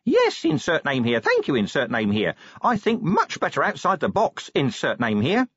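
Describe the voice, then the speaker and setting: A man's voice: on the high side, wildly swooping pitch, moderate pace, fairly bright tone, breathy edge, no room sound, pitched above the performer's own voice, exaggerated voice. A man voicing an eager, chirpy little imp living in a gadget, relentlessly polite and keen to please. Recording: dull dry studio recording.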